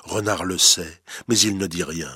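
A man narrating a storybook, reading with clear, steady delivery and lively emphasis. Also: low-pitched, a little slow, dry recording, studio quality.

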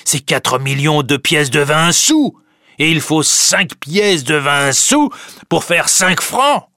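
A man's voice: on the high side, animated, slow pace, sharp tone, no room sound, studio quality, pitched above the performer's own voice, exaggerated voice. A man reading aloud who voices a stern, miserly old wine-grower father who counts every coin. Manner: counting money aloud, insistent. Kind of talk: audiobook reading.

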